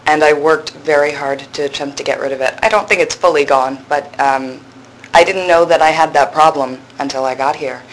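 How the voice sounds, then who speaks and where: In a reflective, conversational interview, this young woman in her twenties, a drama grad student, speaks hesitantly and thoughtfully, full of fillers and restarts. Her voice is low and deeply resonant in the body. The rough recording carries a little hiss or hum.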